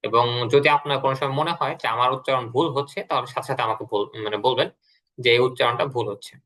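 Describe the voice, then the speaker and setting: Man, online English lesson, patient and slow with repetitions, bright clear voice, mid pitch. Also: low-quality recording. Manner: patient, repeats words slowly for learners. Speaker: English teacher.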